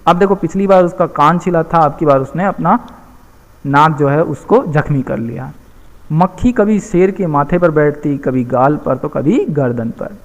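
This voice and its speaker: A male teacher walks young pupils through a children's story, patiently explaining difficult words and checking in with them often. His voice sits a little higher than most men's. A long hall reverb hangs on every phrase. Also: moderate pace.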